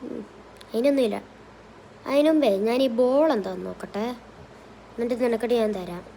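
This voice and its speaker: A woman's voice: fairly high pitch, animated, fairly quick, gravelly, warm tone, a little hiss or hum, rough recording. A woman narrating and voicing a comic gangster game story. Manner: playful, switches between character voices. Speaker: gaming channel narrator voicing characters.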